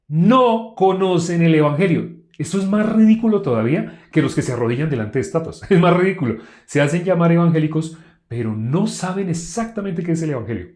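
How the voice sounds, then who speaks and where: A man preaching a sermon in an animated way, repeating phrases for emphasis and laughing between points. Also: a little high, echoey room.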